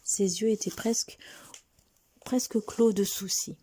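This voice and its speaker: A woman reading a short story aloud as narrator, often in a hushed, half-whispered way. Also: mid-range voice, steady tone, unhurried.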